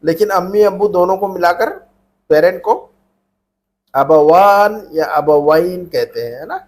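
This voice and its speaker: An unhurried male teacher with a high but darkish-toned voice leads an Arabic grammar class. Patiently, he repeats his questions and gets the students to answer back, call-and-response fashion.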